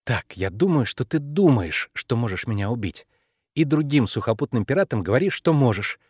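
A man's voice: mid-range voice, expressive, a little mellow, slightly rough, no echo, studio quality. A man voicing a precocious, bossy eight-year-old girl who presses her questions insistently. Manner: insistent, quick, conspiratorial questioning.

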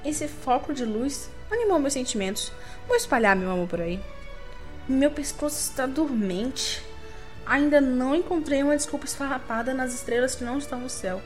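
A woman's voice: sits high, expressive, moderate pace. A young woman giving a theatrical, wry, self-mocking dramatic literary reading. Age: young adult. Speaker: reader of her own literary monologue. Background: faint music.

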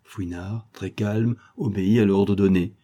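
Man reading a novel, husky dark voice. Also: on the low side, steady tone, measured pace. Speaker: audiobook reader. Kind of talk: scripted narration.

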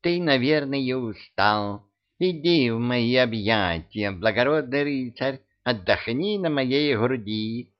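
A man voicing a young prince disguised as a princess, speaking in a squeaky, falsely sweet way. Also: sing-song, takes it slowly. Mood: sugary. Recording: dull lo-fi audio.

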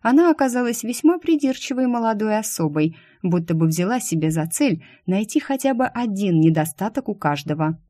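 A woman's voice: medium pitch, big pitch swings, fairly quick, few pauses, mellow, dry recording, clean studio sound. A woman narrating a first-person audiobook in a wry, ironic storytelling manner.

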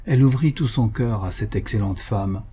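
A man narrating a classic short story aloud in a measured, expressive way. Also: lowish voice, breathy edge.

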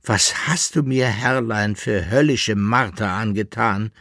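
A man voicing a coarse, impudent male servant who scolds his master in a shrill, loud, cheeky tone. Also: slow, dry recording, clean studio sound, full character voice. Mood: whining.

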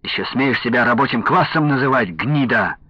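A man voicing a burly, hot-tempered army man who talks in a menacing, forceful way, in a dull lo-fi recording. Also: medium pitch, expressive, normal speed, husky, dry recording. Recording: dull lo-fi audio.

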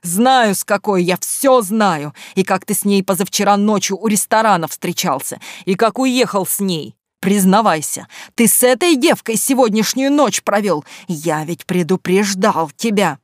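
A narrator voicing a domineering middle-aged man who shouts threats in a story read aloud. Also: medium pitch, fairly even intonation, unhurried, no room sound, studio quality, close to an everyday voice. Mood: furious.

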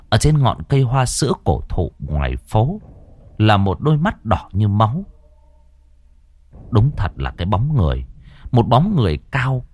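Low-voiced man narrating a horror story. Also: darkish tone, no echo. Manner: dramatic, suspenseful storytelling.

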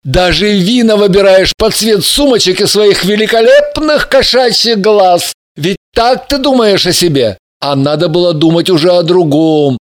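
A woman's voice: medium pitch, normal speed, lightly acted. A woman reader voicing a brash, sarcastic young man who mocks and declaims with pathos. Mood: haughty.

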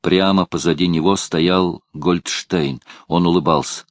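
A man reading a novel aloud in a measured, somber narration. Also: sits low, steady tone, no room sound. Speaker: audiobook reader. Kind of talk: scripted narration.

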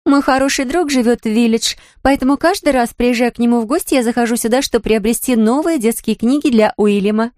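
A woman reading an audiobook, voicing a breathless, gushing socialite woman who coos in a high voice. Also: fairly quick, hardly any pauses, a little mellow, dry recording, clean studio sound, close to an everyday voice. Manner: high cooing gush.

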